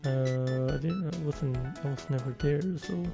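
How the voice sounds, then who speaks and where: A gravelly, unhurried streamer talks through a game in a loose, rambling way, trailing off and greeting chat viewers. Game music plays clearly underneath the voice. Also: medium pitch, fairly even intonation. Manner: chats with viewers, rambling and hesitant. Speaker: let's play streamer. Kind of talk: casual game commentary and reading dialogue aloud.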